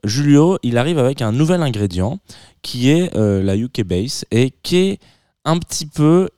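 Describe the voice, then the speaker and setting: A man's voice: medium pitch, animated, moderate pace, mellow, smooth, no echo, clean studio sound. A man hosting a music show on the radio, presenting tracks in a chatty, enthusiastic way with a light self-mocking humor. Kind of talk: casual on-air music presentation.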